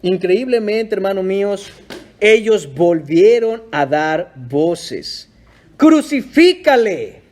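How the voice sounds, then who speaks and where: A man's voice: sits high, takes it slowly, darkish tone. A male pastor preaching a sermon in a church, emphatic and dramatic as he tells the story.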